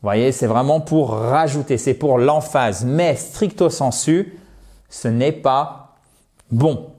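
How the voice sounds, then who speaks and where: A man teaching a language lesson online, talking straight to his viewers in a lively, emphatic way. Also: mid-range voice, takes it slowly. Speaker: English teacher.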